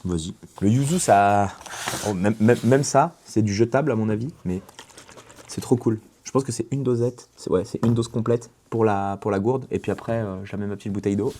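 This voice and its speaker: A lowish male voice chatting in an excited, slangy vlog style, his words trailing into a long reverb. He talks loosely, piling up fillers and restarts as he shows off his car and products. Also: fairly quick, slight background noise. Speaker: vlogger presenting his drift car. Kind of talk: casual vlog chat.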